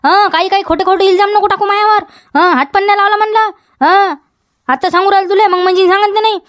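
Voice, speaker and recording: In a comedy sketch, a woman with a Vidarbha Marathi accent plays a village farmer man scolding people away from his field. Her very high voice is quick, a bit bright, and fairly even, recorded clean in a studio with no echo. She sounds insistent, nagging and repeating demands while tacking "हा?" onto every line.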